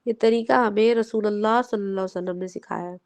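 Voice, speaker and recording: A woman teaching a group of children in Urdu with an English-mixed Pakistani accent, explaining gently and often checking with them. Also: mid-range voice, fairly even intonation. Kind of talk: lesson for children.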